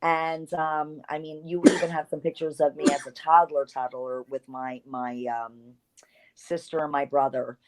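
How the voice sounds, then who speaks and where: A woman's voice: low-pitched, flat delivery, normal speed. A woman in her fifties from South Jersey with a New Jersey accent, chatting as an interview guest and telling long, rambling stories with easy laughs. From South Jersey, USA. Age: 50s. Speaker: guest, retired wrestler. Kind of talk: casual interview storytelling.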